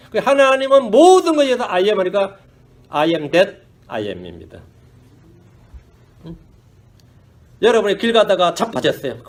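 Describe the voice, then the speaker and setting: A male pastor preaching a sermon in an animated way, asking the congregation questions and mixing in English phrases. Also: high-pitched. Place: church.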